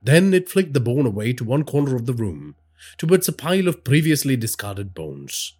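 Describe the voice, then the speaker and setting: A man's voice: medium pitch, moderate pace. A man narrating a scripted horror story, telling it dramatically. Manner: dramatic storytelling with lively inflection.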